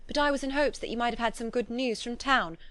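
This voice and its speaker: A woman's voice: a little high, quick pace, fairly bright tone, dry recording, lightly acted. A woman voicing a flustered, deferential housekeeper who speaks in an apologetic, eager way.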